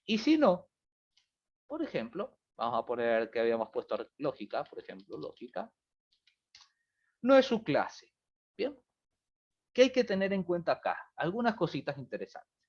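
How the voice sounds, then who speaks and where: A man's voice: a little high, wildly swooping pitch, normal speed, pauses often, husky. A man teaching a programming review class online, walking students through examples and checking in with them often. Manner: explanatory, repeats "fíjense" and "¿bien?". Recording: muffled lo-fi stream audio.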